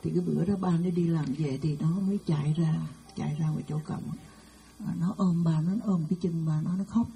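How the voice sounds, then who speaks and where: A woman's voice: deep voice, fairly even intonation, brisk, creaky, dark tone, low-quality recording. A woman Buddhist nun giving a dharma talk, telling stories with frequent hesitant fillers.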